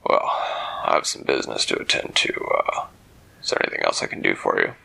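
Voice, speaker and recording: A man voicing a big, tough male dragon in a slow, deep, breathy rumble. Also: lively intonation, bright, forceful tone, heavily acted, low-quality recording. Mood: gruff. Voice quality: breathy, whispery.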